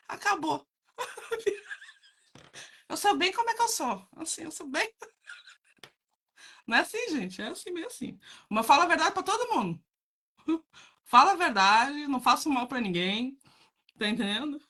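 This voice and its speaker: Hosting a casual live chat, a woman reads her viewers' comments and speaks to them bluntly and frankly, laughing easily and calling them "gente." Her voice is bright and sharp, with pitch that swings widely.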